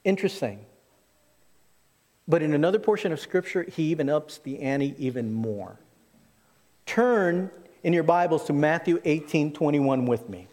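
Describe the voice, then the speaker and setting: A man's voice: fairly high pitch, animated, moderate pace, pauses often, darkish tone. A man preaching as a pastor at a pulpit microphone, conversational yet emphatic, repeating phrases and putting rhetorical questions to his listeners. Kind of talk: sermon, expository Bible preaching. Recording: reverberant hall, long echo.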